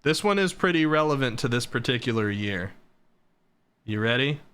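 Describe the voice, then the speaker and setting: Man, livestream host, crisp bright voice, unhurried, playful, self-mocking, faint music. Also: medium pitch, expressive. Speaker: streamer, host. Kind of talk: livestream casual chat, commentary on old clips.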